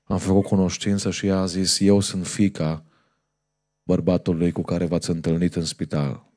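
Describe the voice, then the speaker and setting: A male preacher delivers a fervent sermon in a church. His voice sits low and sounds warm and dark. He moves between exhortation and storytelling. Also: flat delivery. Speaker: pastor.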